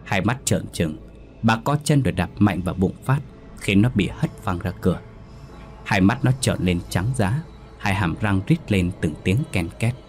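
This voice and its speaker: A man narrating a horror story in a measured, dramatic way. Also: low voice, faint music behind.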